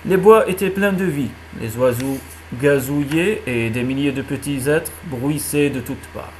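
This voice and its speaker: A man reading a children's animal novel aloud in a calm storytelling manner. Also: medium pitch, unhurried, a little hiss or hum. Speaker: reader.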